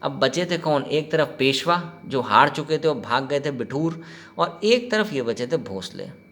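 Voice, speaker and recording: A man's voice: mid-range voice, lively intonation, measured pace, a bit bright. A man giving an exam-prep history lecture in a chatty way, mixing Hindi and English, asking his students questions and acting out quoted exchanges. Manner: conversational, mixes Hindi and English, quizzes listeners, acts out quoted exchanges. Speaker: history teacher.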